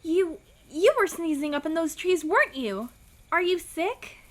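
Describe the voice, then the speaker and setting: A woman's voice: very high voice, lively intonation, measured pace. A woman voicing a brave, kind young bunny girl who talks earnestly and caringly.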